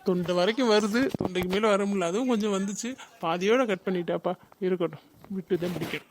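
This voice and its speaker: A man's voice: sits high, fast talker, noisy background. A man voicing Santhosh, a playful, mocking young husband in a cartoon, joking at his wife's expense.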